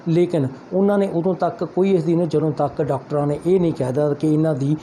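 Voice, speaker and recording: Male reporter, mellow dark tone, halting delivery, light noise behind. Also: a little high, fairly even intonation. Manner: hesitant, many fillers and restarts. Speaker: news reporter. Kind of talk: news interview with commentary.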